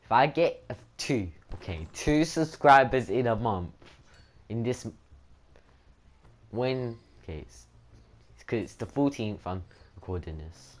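A man giving casual, rambling gameplay commentary with excitable bursts and some swearing. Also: medium pitch, unhurried, long pauses. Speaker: gaming YouTuber.

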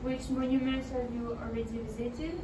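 A woman's voice: on the high side, little pitch movement, normal speed. A French teenage girl playing a street interviewer in a school role-play, chatty, with lots of fillers. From France. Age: teens. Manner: chatty, many fillers, laughing. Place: school hallway by glass doors. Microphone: handheld mic, filmed from a few meters. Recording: echoey hall, distant, noisy.

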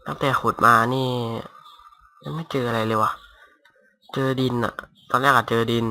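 A young man casually commentating his Minecraft game at home on a headset mic, talking softly and rambling. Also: mid-range voice, steady tone, moderate pace, creaky. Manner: rambling, talks softly to avoid disturbing neighbors. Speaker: gaming YouTuber. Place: home room. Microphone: cheap gaming headset mic.

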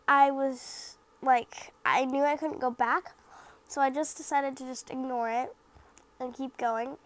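A young craft vlogger with a high voice narrates her craft video in a casual voice-over, sounding slightly stuffy from the sniffles. She rambles and puts herself down, filling her speech with lots of "like" and other fillers.

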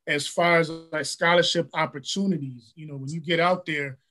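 A man's voice: fairly high pitch, steady tone, normal speed, bright, forceful tone. A man hosting a podcast, asking a guest questions with a lot of "you know" and repeated words. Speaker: podcast host. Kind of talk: interview questions.

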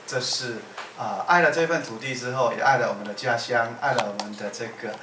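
A man from Yilan, Taiwan, with a Taiwanese accent, talking to an audience between songs in warm, repetitive, build-up phrases with small laughs. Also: mid-range voice, a little fast. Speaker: singer and speaker. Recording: echoey room, far from mic, faint noise.

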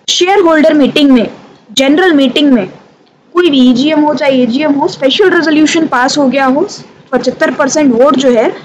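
The recording is low quality, with clearly audible background noise, as a high-voiced woman with an Indian accent leads a relaxed company law exam review. Blending Hindi and English, she talks to her students directly in a conversational way.

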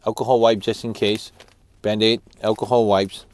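A man in his thirties giving family road-trip tips in a casual, halting way, with many fillers and restarts, recorded on a lapel mic. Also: lowish voice, little pitch movement, slight background noise. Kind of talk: casual how-to talk. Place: office room, then parked car.

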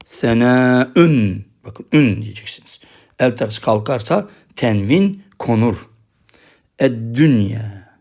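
A man with a Turkish accent teaching Arabic writing, saying each example word slowly twice and then explaining it quickly. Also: mid-range voice, very animated, gravelly, darkish tone. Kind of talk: recorded lesson.

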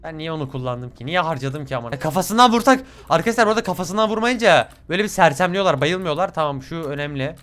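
A man's voice: fairly high pitch, fast, few pauses, a little hiss or hum. Screaming, cursing young man gaming. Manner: swears a lot, yells and shrieks at jumpscares. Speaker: gaming YouTuber. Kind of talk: let's play commentary.

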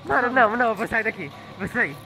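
A woman's voice: fairly high pitch, animated, fast, over music, rough recording. A Brazilian woman in casual game voice chat as a co-player, jumpy, dramatic and playful. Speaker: gaming co-player.

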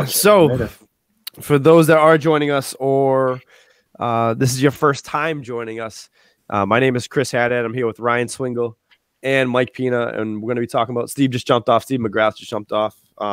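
A man's voice: medium pitch, no echo. A young man hosting a live football coaching clinic on a video call, talking casually with many fillers, through an earphone mic. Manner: relaxed, quick, lots of fillers and restarts. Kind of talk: casual live-stream presentation. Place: small room at home.

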